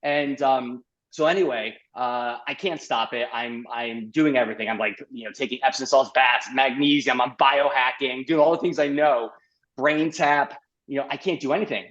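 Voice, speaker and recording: Animated middle-aged man, slightly dull audio. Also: mid-range voice, normal speed. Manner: animated, uses many fillers and "like". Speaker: guest doctor. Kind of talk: podcast interview storytelling.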